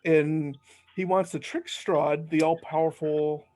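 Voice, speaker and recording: Wry, higher-voiced man at the table. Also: fairly even intonation, takes it slowly, a little mellow. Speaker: player. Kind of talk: casual table chat.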